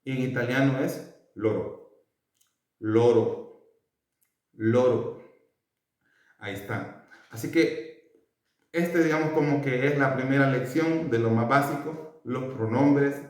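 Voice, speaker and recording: A man from El Salvador with a Salvadoran Spanish accent, giving a casual language lesson and repeating each word slowly for his learners. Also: medium pitch, a little mellow. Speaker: language teacher. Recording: very echoey room, voice far from mic.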